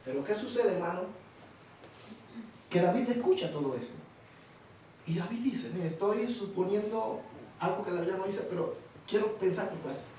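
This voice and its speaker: A Panamanian man preaches in a very high voice, telling his story in an animated way and often repeating words. He sounds far from the microphone, in a booming, echoey hall with faint noise behind him. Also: moderate pace, long pauses. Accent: Panamanian Spanish. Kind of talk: sermon.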